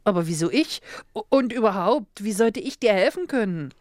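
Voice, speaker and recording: A woman voices a sleepy little girl who sounds puzzled and slightly offended, pitching above her natural voice with light acting. Her mid-range delivery is expressive, darkish in tone, and at normal speed. The recording is dry and studio quality.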